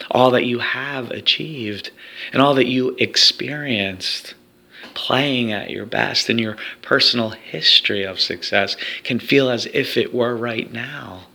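A man's voice: mid-range voice, gravelly, pushed and bright. A man leading a guided hypnosis recording for athletes, speaking in a soothing, repetitive hypnotic way.

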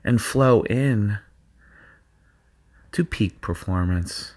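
A man coaching student athletes through a guided visualization recording, speaking in a slow, soothing, hypnotic cadence full of repetition. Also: fairly low pitch, darkish tone. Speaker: sports performance coach.

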